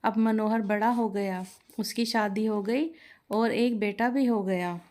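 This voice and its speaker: A woman's voice: medium pitch, slow pace, darkish tone. A woman reading a moral storybook tale aloud as narrator, voicing each character in the dialogue herself.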